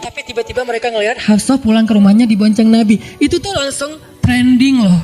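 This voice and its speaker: A man preaching in a casual, animated storytelling style, acting out the voices of people in his story with slangy asides. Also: extremely high pitch, fast talker, noisy background.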